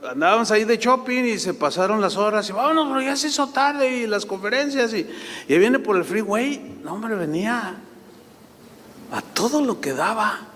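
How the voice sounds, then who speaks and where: A male pastor, preaching a sermon and telling animated anecdotes. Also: sits high, big-room sound.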